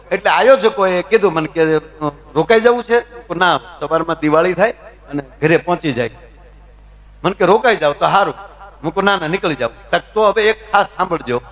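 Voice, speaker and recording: A man's voice: high voice, a bit bright. A middle-aged man with a Gujarati accent, a folk comedian telling chatty anecdotes live on stage and talking to the crowd. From Gujarat, India.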